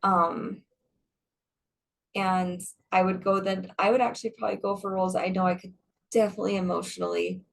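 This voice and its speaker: A young adult actress chatting casually in an interview, rambling with many restarts and frequent laughs. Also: female voice, mid-range voice, little pitch movement, a little fast, gravelly. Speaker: guest, stage actress.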